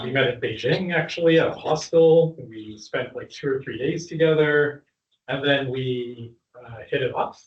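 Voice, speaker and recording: Canadian man speaking from a roomy distance. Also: medium pitch. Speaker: guest speaker. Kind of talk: talk to a live audience. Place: room with an audience. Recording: dull, roomy sound from a distant mic.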